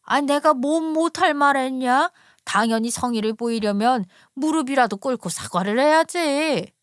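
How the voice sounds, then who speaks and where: A woman voicing a spiteful older mother-in-law who scolds in a shrill, contemptuous way. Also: normal speed, no room sound, clean studio sound, close to an everyday voice. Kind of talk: storytelling radio narration.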